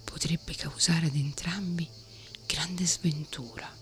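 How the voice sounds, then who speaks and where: A woman's voice: low-pitched, fairly even intonation, slow. A woman voicing a steadfast, loyal male servant in a whispered role-play. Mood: earnest. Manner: soft, earnest whispering.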